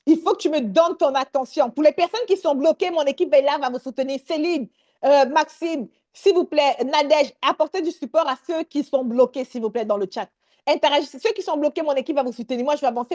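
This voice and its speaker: A woman leading a live online workshop, energetic and sprinkling English words into her talk. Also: sits high, fast talker, muffled recording.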